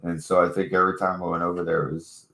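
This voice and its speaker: A man's voice: low-pitched, level tone, quick pace, creaky, sharp tone. A man telling stories in a casual, profane stoner chat, acting out quotes as he goes. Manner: laid-back, profane, storytelling with acted-out quotes. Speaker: co-host. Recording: echoey room.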